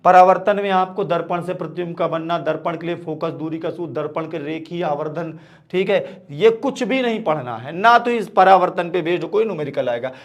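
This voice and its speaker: A man's voice: a little high, fairly quick. A male physics teacher gives a direct exam-prep lesson, often calling his students "beta" and checking in with them. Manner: direct, repeats "ठीक है" and calls students "बेटा".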